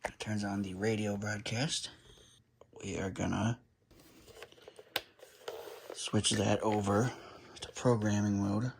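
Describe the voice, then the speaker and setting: A man who vlogs about radios talks his way through unboxing and setting one up, muttering while he works and shooting on a handheld phone. He speaks slowly in a lowish, monotone voice with vocal fry and frequent pauses, over background noise.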